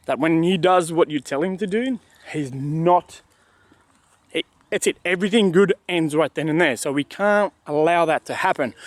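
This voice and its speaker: This is casual, emphatic teaching from a man whose voice sits on the high side. At a dog park outdoors, he goes over dog training advice again and again and plays the dog's inner voice. No echo is audible.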